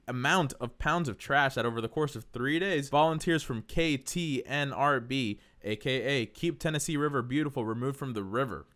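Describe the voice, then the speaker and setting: A man's voice: medium pitch, fairly bright tone. A young male podcast host from North Carolina with a mid-range voice. His talk is upbeat and scripted, and his delivery stays earnest and encouraging throughout.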